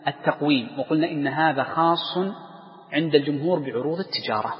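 A man's voice: a little high, fast talker. Man, lecturing sheikh, worked examples, dull lo-fi recording. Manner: explains step by step with worked examples and questions to the class. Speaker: sheikh teaching Islamic jurisprudence. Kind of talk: lecture to students. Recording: dull lo-fi recording with long hall reverb.

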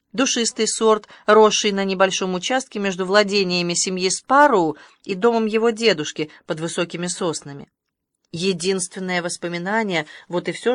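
A woman reading a novel aloud as an audiobook narrator, measured and expressive, recorded close to the mic. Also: fairly low pitch, dry recording. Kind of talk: scripted narration.

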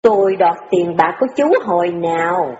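A woman's voice: fairly low pitch, normal speed, a little mellow, voice pushed down, close to an everyday voice. Woman playing a cold, dismissive ex-lover. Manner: curt, dismissive. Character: cold young woman rejecting her former lover. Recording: echoey hall with a long reverb, lo-fi.

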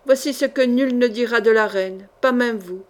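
A woman's voice: on the high side, moderate pace, close to an everyday voice. A woman voicing a haughty, scornful queen. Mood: fierce pride. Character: proud scheming queen, woman, haughty and passionate.

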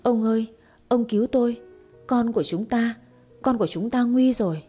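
A vain, spiteful older mother-in-law who talks in an affected, haughty way, as a woman narrator puts her on. The tone stays mellow and breathy. Faint music runs behind the storybook reading. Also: medium pitch, animated, moderate pace. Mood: wailing.

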